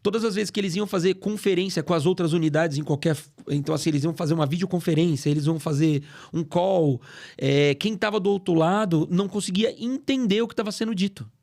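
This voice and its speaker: Animated man explaining in a podcast studio. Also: high-pitched, quick pace. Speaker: guest, acoustics company CEO. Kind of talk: casual podcast interview.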